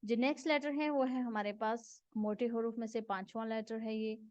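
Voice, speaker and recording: A woman's voice: on the high side, steady tone, normal speed, a little mellow, no echo. A woman giving a Quran reading lesson, patiently repeating each letter sound several times. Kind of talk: step-by-step pronunciation lesson. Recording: dull, dry close recording.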